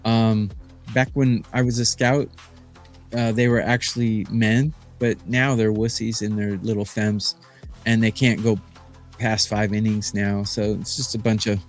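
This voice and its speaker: A man's voice: on the low side, a little mellow. Boastful chatty man in his fifties. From Phoenix, Arizona. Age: 50s. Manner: boastful, chatty, rambling with fillers. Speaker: sports betting handicapper. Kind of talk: live stream commentary.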